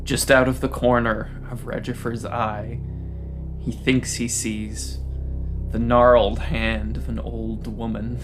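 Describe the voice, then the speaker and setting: A man co-hosting a podcast, narrating an improvised story in a halting way with repeated words. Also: medium pitch, flat delivery, over music.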